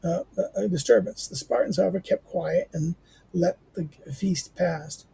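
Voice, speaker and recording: A hoarse man reads a classic history book aloud like a teacher, adding commentary and often hesitating, using fillers, and restarting words. His voice is fairly high yet dark and gravelly with a raspy edge, at normal speed.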